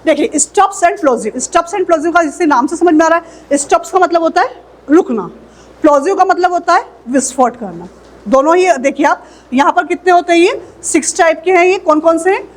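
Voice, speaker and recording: A woman teaching an English phonetics lesson, explaining patiently and saying model words slowly for learners to repeat. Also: very high-pitched, expressive.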